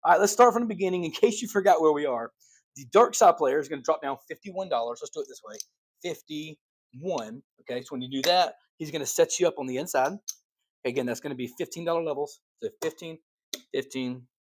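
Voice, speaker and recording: Male host, fairly high voice; chatty dealer-style patter while paying bets, a bit winded. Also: a little fast. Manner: excitable, calls rolls like a dealer, chatty asides to viewers. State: out of breath. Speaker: craps channel host demonstrating strategy. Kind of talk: casual table-game demonstration.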